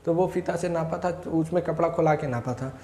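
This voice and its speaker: Speaking a little fast in a slightly high, mellow voice, a young man from India tells a rambling personal story as a vlogger, often self-correcting and dropping in short quotes from others. The echoey room recording has slight background noise.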